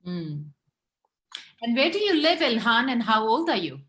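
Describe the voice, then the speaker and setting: A woman hosts a casual group chat, interviewing children encouragingly and often chiming in with short affirmations. Her fairly bright voice is a little high, with big pitch swings and a moderate pace.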